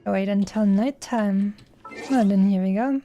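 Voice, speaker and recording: A woman game streamer chats casually and rambles over her gameplay, using playful, cutesy wording. Her voice is medium-pitched, warm and a little slow, heard through a streaming microphone with faint game music in the background.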